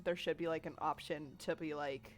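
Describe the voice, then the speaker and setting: A woman's voice: sits low, steady tone, a little fast, faint music behind. Sick-voiced giggly woman streamer. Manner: giggly, rambling with many fillers. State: low, sick voice. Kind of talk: casual gaming chat.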